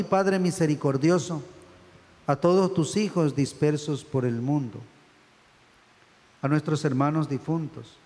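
At the altar, a middle-aged priest recites prayers solemnly, his phrasing measured and reverent. His fairly high, slightly mellow voice is picked up by a stand microphone and carries a long church reverb.

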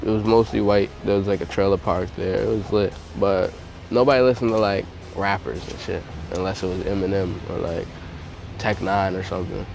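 A young man from Long Island, USA, chats in a casual interview about his rapper past, using loose slang and plenty of fillers in a laid-back way. His voice is low, steady, creaky and a little mellow, at a moderate pace, with a music bed playing behind him.

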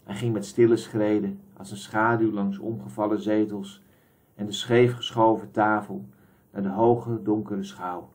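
Calm male audiobook narrator. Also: lowish voice, measured pace. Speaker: audiobook reader.

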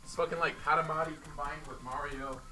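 A man's voice: fairly high pitch, fairly even intonation, brisk. Young guy, game co-host, loose chatty commentary with swearing, game music under him. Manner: chatty, swears often, rambling asides. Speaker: let's play co-host. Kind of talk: casual gaming commentary.

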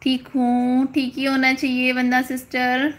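A woman's voice: high-pitched, completely flat delivery, unhurried. A woman hosting a casual live stream, chatting and greeting viewers by name.

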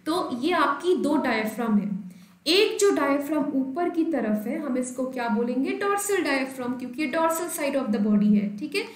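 In an echoey room, a woman whose voice sits high leads a live online biology lesson in Hindi-English mix, animated and at a moderate pace. She draws while explaining step by step, frequently checks in with students and welcomes people from the live chat.

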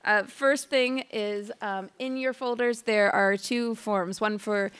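At a podium microphone in a large lecture hall, a woman with a cold introduces a conference panel as moderator, enthusiastic and chatty with many fillers. Her medium-pitched voice is smooth and fairly bright, with fairly even intonation and a slow pace.

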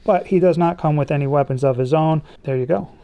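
A man doing a relaxed, joking toy review, talking through each detail as he handles the figure at a table in a small studio. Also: fairly high pitch, fairly quick, highs cut off. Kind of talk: casual toy review chat.

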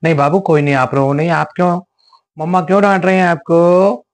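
The host of a children's drawing channel, a man with a somewhat high, brisk voice and fairly even intonation, leads a coloring lesson framed as an acted skit for kids. He speaks to the children in a soothing, coaxing, sing-song manner.

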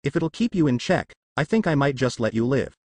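A man's voice: mid-range voice, big pitch swings, brisk, darkish tone. A man voicing a dry, sarcastic young woman warrior in a storybook reading. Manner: dry and cutting.

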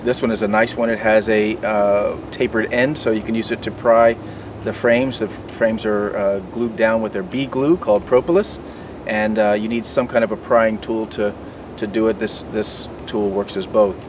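Outdoors beside garden foliage, a middle-aged beekeeping mentor demonstrates his tools step by step, stumbling through many fillers and restarts. His voice is on the low side, fairly even, at a normal speed. The mic sits far off and picks up outdoor noise.

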